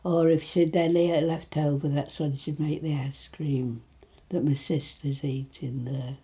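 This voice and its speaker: Slow, halting English woman in her nineties. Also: sits low, fairly even intonation, dark tone. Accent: English East Midlands. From Retford, England. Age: 90s. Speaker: interviewee recalling her life. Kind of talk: informal reminiscence.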